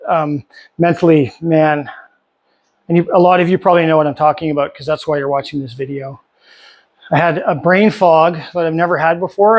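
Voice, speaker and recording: Chatty man in his fifties. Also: fairly high pitch. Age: 50s. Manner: chatty, candid, many fillers and restarts. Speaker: vlogger. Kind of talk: casual talk to camera. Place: home workshop.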